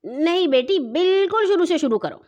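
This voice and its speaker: A woman voicing a gentle but insistent mother in a children's bedtime story. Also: extremely high pitch, animated, lo-fi sound, voice pushed up.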